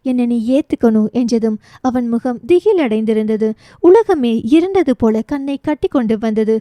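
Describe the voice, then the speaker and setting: Female narrator for a romance audio novel, steady reading, high-ish mellow voice. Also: normal speed, dry recording. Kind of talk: scripted narration.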